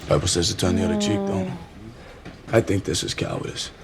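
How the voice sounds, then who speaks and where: An actor playing a swaggering army bully in a war film, jeering and goading. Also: male voice, low voice, huge pitch swings, fairly quick, noisy background, heavily acted. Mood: taunting.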